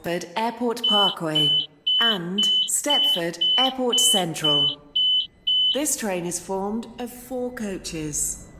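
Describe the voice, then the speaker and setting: Woman on the station loudspeaker, slow steady announcement, big echoey hall sound. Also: medium pitch, very noisy. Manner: measured, even recorded announcement cadence.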